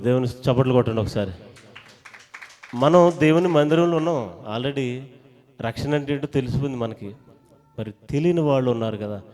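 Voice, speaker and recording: A man preaching a sermon in a church hall. He quizzes his listeners and coaxes answers out of them. He swings between loud calls of praise and soft talk. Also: medium pitch. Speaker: lay preacher. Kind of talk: sermon to a congregation.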